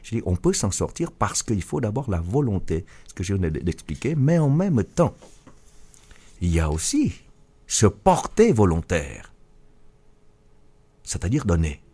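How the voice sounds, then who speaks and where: Earnest man with a low husky voice. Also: sing-song, dark tone. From Vietnam. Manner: earnest, halting with restarts. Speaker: author and business leader. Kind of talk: radio interview answer.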